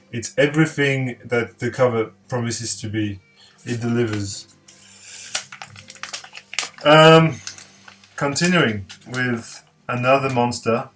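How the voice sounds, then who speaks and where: Hesitant and full of fillers, a man from eastern France talks through records in a laid-back vlog, praising them again and again with enthusiasm. He's a record collector whose voice is medium in pitch and slightly bright.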